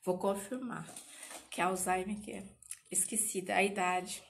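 A woman's voice: medium pitch, steady tone, normal speed, gravelly, a little hiss or hum. Chatty woman over fifty teaching crafts. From Paraná, Brazil. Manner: chatty, emotional, speaks to viewers with many tag questions. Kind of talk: live craft tutorial.

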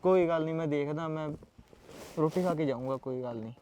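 An actor playing a calm elder brother who reassures his upset sister and plays down the quarrel. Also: a little high, fast talker, slight background noise, natural voice. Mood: dismissive. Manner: reassuring, placating. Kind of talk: film drama dialogue.

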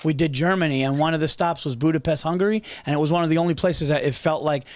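Rambling middle-aged podcast host. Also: male voice, a little high, steady tone, fast, no room sound. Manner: rambling, with many restarts. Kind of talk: casual chat. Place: podcast studio. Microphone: studio boom mic.

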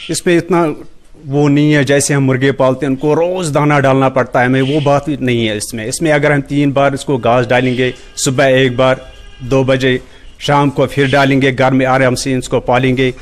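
A man's voice: mid-range voice, flat delivery, moderate pace, slight background noise. A middle-aged man with a Kashmiri accent, a rabbit farm worker answering interview questions plainly and practically, recorded on a handheld mic in a large shed. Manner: plain, practical explaining with many polite "ji sir" replies. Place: large open-sided rabbit shed, indoors. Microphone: handheld reporter mic held near mouth.

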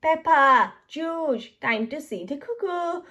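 Woman doing storybook mummy pig, gentle, calm, soft, slow. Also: mid-range voice. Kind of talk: children's storybook read-aloud.

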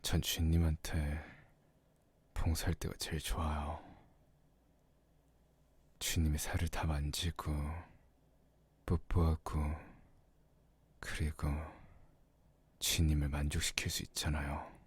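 A man playing a devoted, obedient, teasing young servant lover in an ASMR role-play, speaking in an intimate, deferential murmur with a husky low voice. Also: little pitch movement, slow, pauses often, no room sound, heavily acted.

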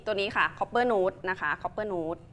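A woman presenting a cosmetic product on a TV show, explaining it politely and steadily, with soft background noise. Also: mid-range voice, slow. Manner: polite, uses ค่ะ and นะคะ a lot, explains steadily. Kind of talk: casual product demo chat. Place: TV studio.

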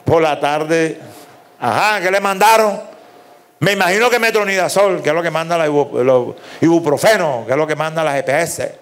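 Raunchy Colombian coastal stand-up comic. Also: male voice, on the high side, moderate pace. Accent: Colombian Caribbean coast. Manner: crude, profane storytelling with loud bursts. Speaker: stand-up comedian. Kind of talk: stand-up comedy routine. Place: nightclub stage.

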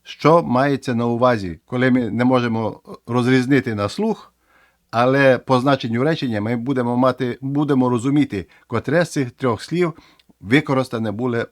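A man's voice: mid-range voice, dry recording, clean studio sound. A man teaching English grammar to learners, explaining patiently and repeating example words.

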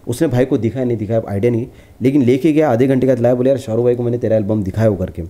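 A middle-aged man telling stories in an interview, lively, and acting out the lines of the people he quotes. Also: medium pitch, rapid-fire. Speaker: celebrity lookalike actor interviewee. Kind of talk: casual storytelling interview.

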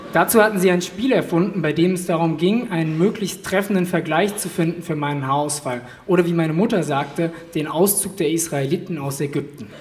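A young man in his twenties performing comic poetry on a stage with deadpan punchlines. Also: a little high. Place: stage in a hall. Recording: echoey hall with faint noise.

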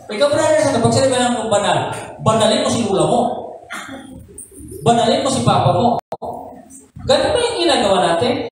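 A man's voice: high-pitched, slight background noise. A man preaching a sermon at a live church service, putting question after question to his congregation. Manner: peppers the congregation with rhetorical questions. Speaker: pastor. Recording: very echoey church from a distance.

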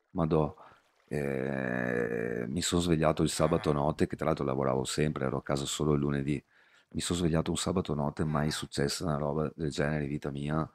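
A man's voice: rumbling low, darkish tone, dry recording. A young man chatting casually to his viewers while streaming a game, rambling through personal anecdotes. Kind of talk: casual live-stream chat while gaming.

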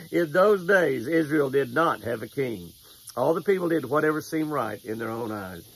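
An older American man stands by a lake, offering a folksy devotional and a fishing tip and repeating phrases for emphasis; he is a devotional host and angler. His mid-range voice is animated, measured in pace, slightly rough and touched with vocal fry. A camera captures him at close range in a rough recording.

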